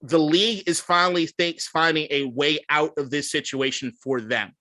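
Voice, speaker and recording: A man's voice: fairly high pitch, normal speed, no room sound, low-quality recording. A man co-hosting a sports podcast in casual, profane chat, often laughing. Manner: laughs a lot, profane, animated. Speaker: podcast co-host.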